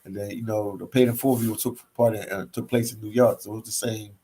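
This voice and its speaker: The audio is poor as a relaxed East Coast travel vlogger from Philadelphia talks a little fast in a fairly low voice. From a hostel library, he reads his livestream viewers' comments and replies casually, repeating phrases and closing lines with "man."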